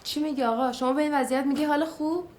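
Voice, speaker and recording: A woman's voice: high voice, fairly even intonation, a little mellow, slight background noise, lightly acted. An actress playing an anxious wife and mother who presses people with urgent questions. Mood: alarmed. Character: anxious wife and mother, young adult woman. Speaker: worried wife of an injured man. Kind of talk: film acting.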